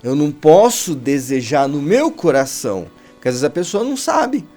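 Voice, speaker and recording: Animated man preaching casually. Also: a little high, moderate pace, faint music behind. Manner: conversational, repeats "amém?" and "né?" to check with listeners, stumbles and restarts. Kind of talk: informal sermon on video.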